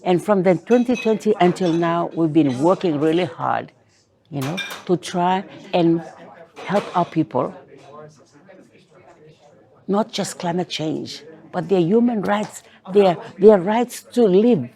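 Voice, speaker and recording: An older woman from Kiribati speaks in a low, mellow voice. She talks as an interview guest, thoughtfully, pausing and restarting as she gathers her words. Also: gravelly. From Kiribati, grew up in Fiji. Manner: thoughtful, with many pauses and restarts. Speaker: interview guest, climate activist. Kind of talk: conversational interview.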